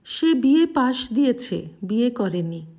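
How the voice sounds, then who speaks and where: A woman voicing a playful older male holy man who teases and coaxes in a lively, affectionate way, in a slow, mellow voice. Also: fairly high pitch, full character voice. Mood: urging.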